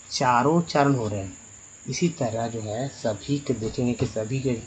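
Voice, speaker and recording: A man teaching English pronunciation as a spoken lesson. He spells words letter by letter, slowly and with many repeats. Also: medium pitch, slight background noise, low-quality recording.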